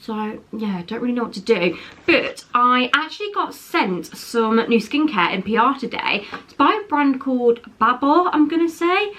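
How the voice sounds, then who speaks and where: A young woman vlogs from home in a slightly high, animated voice with a bit of brightness, talking at normal speed. She's chatty and rambling, correcting herself as she goes, and sounds wheezy from a chest infection.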